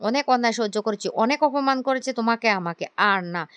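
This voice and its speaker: Woman recapping a tv drama, slightly high voice, dead dry close sound, lots of um and restarts. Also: expressive, brisk, fairly bright tone, clean tone, no room sound. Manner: retells every character's lines in her own voice, with fillers and restarts. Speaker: vlogger retelling a TV serial episode. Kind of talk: casual storytelling narration with quoted dialogue.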